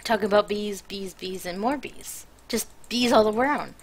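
A woman's voice: mid-range voice, moderate pace. Tired young woman streamer, rambling, teasing, casual live-stream chat. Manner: rambling, teasing, self-interrupting.

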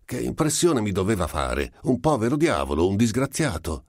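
A man's voice: fairly low pitch, sing-song, moderate pace, dry recording, clean studio sound, voice pushed up. A man doing a curt, suspicious merchant. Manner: curt, defensive, increasingly loud. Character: irritable suspicious male merchant, middle-aged.

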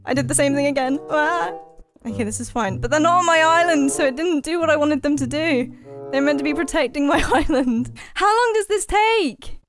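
A woman giving live gameplay commentary as a gaming YouTuber, excitable, often repeating phrases in panicky bursts and laughing between lines. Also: high-pitched.

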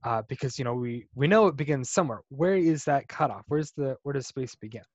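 A man giving a casual slide lecture about rockets on a video call, relaxed and explanatory, with frequent ums and restarts. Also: medium pitch, fairly quick, no echo. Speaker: guest speaker presenting on spacecraft engineering. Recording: dull, dry video call audio.

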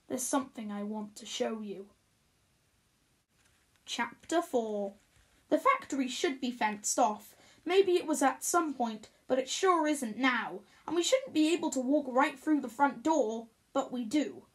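A woman narrating a first-person story in a measured, expressive reading. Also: high voice. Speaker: audiobook reader.

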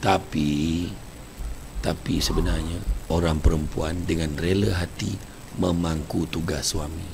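Male Malaysian preacher, comic sermon, rough gravelly voice. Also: sits low, measured pace, slight background noise. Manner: joking, animated storytelling. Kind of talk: humorous sermon.

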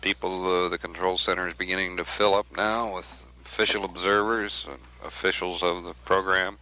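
Deep-voiced American mission control announcer, man. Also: little pitch movement, normal speed, pushed and bright. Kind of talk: measured live spaceflight commentary. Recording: faintly noisy 1960s archive broadcast.

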